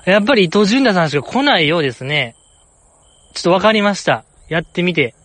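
A man's voice: sits high, very animated, fast talker, fairly bright tone, slight background noise. A young man with an Osaka accent, chatting casually and rambling on his own, playfully earnest. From Osaka, Japan. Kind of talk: casual solo chat.

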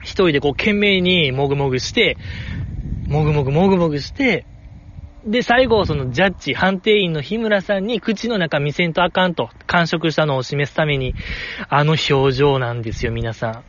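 A slightly high-voiced man with a Kansai accent runs a solo podcast, chatting casually and getting worked up, his voice leaping up when he's excited. The recording sounds a little dull, with a faint hiss underneath. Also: normal speed. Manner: excitable, jumps in pitch when enthused, chuckles to himself. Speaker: podcast host.

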